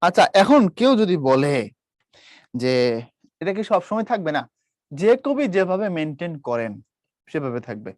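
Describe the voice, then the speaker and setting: A man's voice: on the high side, sing-song, unhurried, pauses often, darkish tone, no room sound, studio quality. A young man teaching an online class, repeating key points and asking students questions. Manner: explains patiently with questions to students, mixes English words. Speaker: online tutor.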